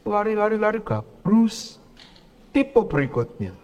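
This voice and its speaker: A man giving a parenting lecture to a live audience, animated and telling stories as he preaches. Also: unhurried. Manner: animated, acts out quoted parents in higher voices.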